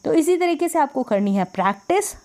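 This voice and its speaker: Female teacher, higher mellow voice, patient drilling of spelling sounds. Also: very animated. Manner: patient, repeats words slowly and drills them. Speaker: English teacher. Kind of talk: spelling and pronunciation lesson.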